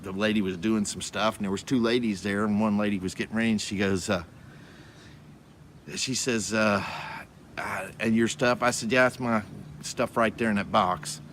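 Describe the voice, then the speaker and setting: A man's voice: fairly low pitch, fairly even intonation, moderate pace, fairly bright tone. Guy rambling thru a story, folksy and cussing a bit, faint traffic noise behind. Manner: rambling, folksy, swears casually. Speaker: vlogger. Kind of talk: casual storytelling.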